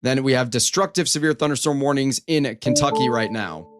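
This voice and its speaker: A man's voice: medium pitch, fairly quick, background noise. Man giving live severe weather commentary. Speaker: storm coverage livestream host.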